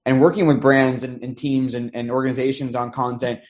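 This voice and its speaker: A man hosting a podcast, mid-pitched and eager, asks long, winding questions full of fillers and repeated words. He sounds plainly enthusiastic about his guest. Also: little pitch movement, fairly quick. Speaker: podcast host. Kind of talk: casual interview chat.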